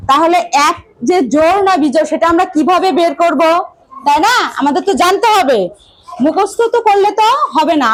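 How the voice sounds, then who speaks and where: High-voiced teacher from Bangladesh. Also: female voice, a bit bright. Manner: patient, repeats instructions and asks questions. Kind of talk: classroom lesson for small children. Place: classroom.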